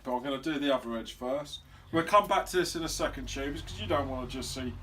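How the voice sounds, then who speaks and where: Male vlogger, jokey casual patter, bright tone, light background hiss. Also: mid-range voice, fast. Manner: joking, swears, calls viewers "tubers". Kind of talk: casual chat to camera.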